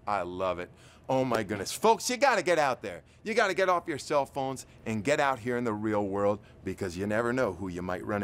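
A man's voice: medium pitch, slight background noise. A man hosting a TV music show, narrating and talking to guests in an upbeat, folksy way. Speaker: host and band member.

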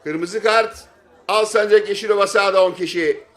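A man giving excited football play-by-play in clipped short phrases, shouting and stretching out his calls at big moments. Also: high voice, normal speed. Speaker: football match commentator. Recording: stadium crowd noise behind voice. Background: football crowd.

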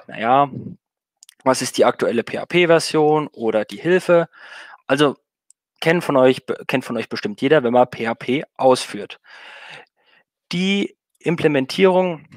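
Man giving a relaxed technical talk. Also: mid-range voice, no echo. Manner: relaxed, many fillers and self-corrections. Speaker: meetup speaker.

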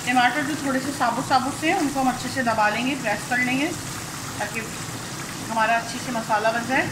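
A cooking channel host with a high voice and a Pakistani Urdu accent gives a voice-over for a cooking demonstration, calmly explaining each step of the recipe at a fairly quick pace. A camera mic above the stove records her in a spacious, echoey home kitchen, with clear sizzling and frying behind her.

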